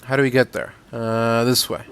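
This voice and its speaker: A man's voice: medium pitch, little pitch movement, moderate pace, a bit bright, a little hiss or hum. A man giving easygoing, chatty let's-play commentary, swearing casually as he plays. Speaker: gaming YouTuber.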